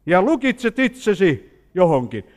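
Lively preacher in reverberant hall. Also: male voice, high-pitched. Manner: animated storytelling with questions to the congregation. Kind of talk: sermon.

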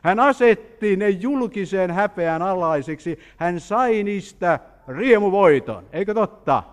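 Man preaching, animated storytelling, lively up-and-down voice, echoing hall. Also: high-pitched. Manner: animated storytelling with questions to the congregation. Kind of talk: sermon. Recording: hall reverb.

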